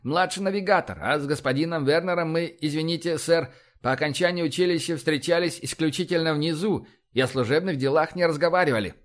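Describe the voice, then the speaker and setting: A man doing a rattled young officer, pitched high. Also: fairly quick, natural voice. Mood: defensive. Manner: flustered, pleading, breaks into shouting. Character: nervous young male starship officer under interrogation.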